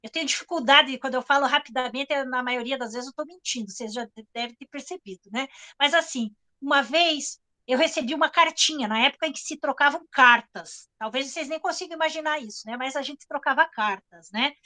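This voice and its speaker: Brazilian woman author, anecdotal storyteller, high and bright, conversational with frequent tag questions. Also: fairly quick, few pauses. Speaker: writer. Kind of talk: storytelling talk to an audience.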